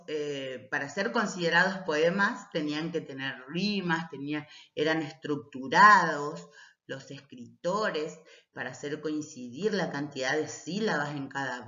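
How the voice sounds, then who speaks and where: A woman teacher explaining lessons patiently, often checking in with a short "mm?" and reading verses aloud slowly. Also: fairly low pitch, fairly bright tone. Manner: reads poems aloud slowly. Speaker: language teacher. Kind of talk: recorded class lecture. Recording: roomy, dull lo-fi recording.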